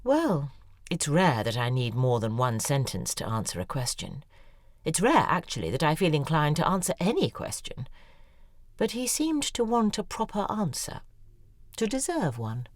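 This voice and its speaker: In an audio drama, an actress with a low, very animated voice narrates in first person as the lead character, an acerbic, weary female novelist. Her delivery is sardonic and wry at a normal speed, recorded in studio quality with no echo.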